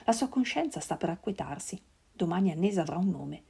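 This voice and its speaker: A woman reading a literary novel aloud in a measured, solemn way. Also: lowish voice, expressive, gravelly, dark tone, slightly rough. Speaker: reader.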